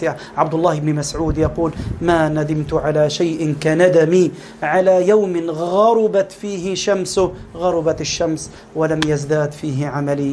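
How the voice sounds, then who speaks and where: This fervent sermon comes from an Egyptian man speaking rapidly in a high, slightly mellow voice with an Egyptian Arabic accent. He frequently calls his listeners beloved brothers, and a faint hiss of noise lies under the audio.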